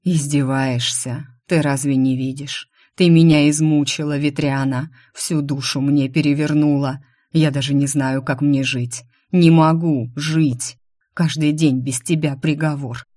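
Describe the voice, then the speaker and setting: A woman voicing a possessive male demon lover, speaking slowly and drawing out his words. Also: deep voice, fairly even intonation, mellow, dry recording, clean studio sound. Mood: anguished. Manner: slow, drawn-out, growling delivery. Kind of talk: audiobook character voice.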